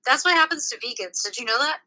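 A woman's voice: high voice, lively intonation, fast, a loud crowd, low-quality recording. A woman co-host in casual banter, teasing and mock-indignant, peppering her talk with "like". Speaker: co-host commenting on a book.

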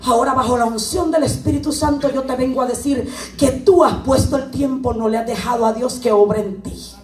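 A woman preaches with a very high, animated voice, slipping into acted dialogue and frequent laughter. She is recorded from a distance in an echoey church sanctuary, with the congregation audible around her. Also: fairly quick, soft background music. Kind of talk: lively Pentecostal sermon. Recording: echoey church from far off with crowd.

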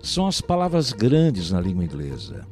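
Lively low-voiced Brazilian teacher. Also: male voice, moderate pace, soft background music. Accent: Brazilian Portuguese. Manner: patient, explanatory, keeps asking "né?". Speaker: language teacher. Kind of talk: recorded language lesson.

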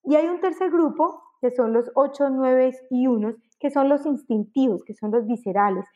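A woman explaining personality types in a conversational interview, animated and acting out examples. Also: sits high, normal speed, lo-fi sound. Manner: animated, acts out examples with exclamations. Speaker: enneagram guest expert.

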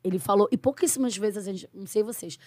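Brazilian woman missionary, mid-pitched, lively testimony, dry close sound. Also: fast, dry recording. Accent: Brazilian Portuguese. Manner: expressive storyteller who acts out quoted dialogue. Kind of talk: conversational testimony in an interview.

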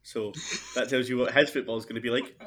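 A man's voice: medium pitch, steady tone, fast, a bit bright, slight background noise. A man co-hosting a casual football podcast, blunt and wry. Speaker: podcast co-host.

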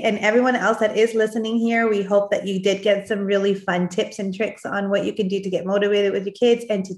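A woman hosting a motivational interview, speaking in an encouraging way. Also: medium pitch. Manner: encouraging, addresses listeners as fellow moms. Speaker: show host. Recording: roomy, echoing sound.

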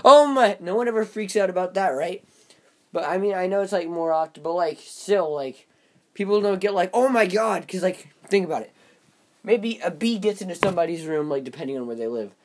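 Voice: medium pitch, fairly quick, darkish tone, no echo. A young vlogger rambling through an absurdist solo monologue, often cutting themselves off and trailing away. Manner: absurdist, self-interrupting, trails off.

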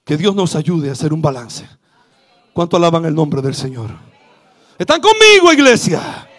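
A man preaching a sermon as bishop in Dominican Spanish, fervent and calling out to his congregation as his voice swells to shouts. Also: on the high side, moderate pace, slightly rough. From Dominican Republic. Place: church service.

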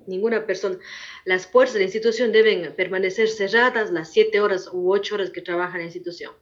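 A woman's voice: mid-range voice, fairly even intonation, brisk. A woman in her forties, a veteran teacher, answering interview questions in a firm, repetitive, explaining manner. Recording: muffled lo-fi recording.

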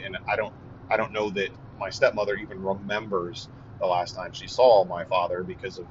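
A man giving a casual, earnest update, halting with many fillers and restarts. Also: on the low side. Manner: earnest and relieved. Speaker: vlogger giving a family update. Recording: dull lo-fi audio with faint vehicle noise.

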